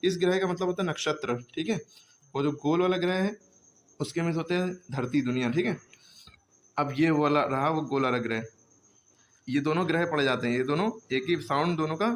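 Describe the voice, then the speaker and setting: A man's voice: fairly high pitch, a little hiss or hum. A man teaching a handwriting lesson, explaining patiently step by step and often checking that the students follow.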